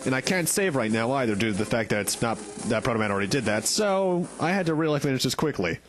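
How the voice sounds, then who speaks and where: Male let's play host, casual and animated in intonation, talking over soft game music. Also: medium pitch, fast.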